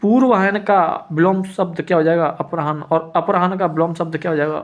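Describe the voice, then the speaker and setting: A man's voice: on the high side, steady tone, fairly quick, muffled recording. A man teaching a grammar class who repeats each point, asks his students questions and answers them himself, with informal asides. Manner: informal asides, thinks aloud.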